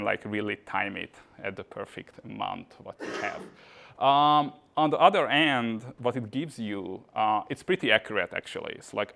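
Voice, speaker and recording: A man's voice: fairly low pitch, gravelly, fairly bright tone. A man from Hungary, giving a casual tech meetup talk with frequent "uh" and "kind of" fillers. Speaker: conference speaker. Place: meetup venue.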